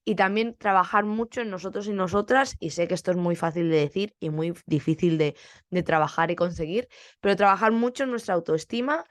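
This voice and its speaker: Young spanish-accented woman teacher podcasting, chatty, lowish voice, dry close sound. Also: fairly quick, dry recording. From Spain. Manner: chatty, animated, acts out classroom dialogue. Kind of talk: casual podcast monologue.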